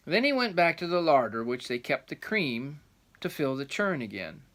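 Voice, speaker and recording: A man's voice: a little high, fairly bright tone. An older man reading a folk tale aloud like a rambling grandpa, adding folksy asides and plain explanations. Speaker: storyteller.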